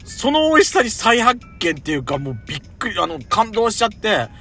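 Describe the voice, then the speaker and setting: A man's voice: high voice, sing-song, brisk, bright, forceful tone, soft background music. A man chatting casually about food as a podcast co-host, talkative and emphatic, with feminine-style colloquial phrasing.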